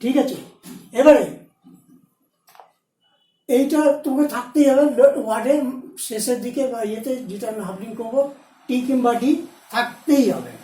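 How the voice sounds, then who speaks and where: A woman teaching a shorthand class, explaining each rule slowly and repeating the key points. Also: on the high side, mellow, reverberant, low-quality recording. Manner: repeats key points, switches between Bengali and Hindi. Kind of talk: explaining rules step by step in a lesson.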